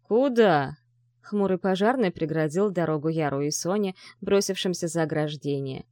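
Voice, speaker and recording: A woman's voice: sits low, normal speed, a little mellow, no room sound, studio quality. A woman narrating an audiobook expressively, raising her voice for urgent dialogue. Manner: reads dialogue in raised, urgent tones.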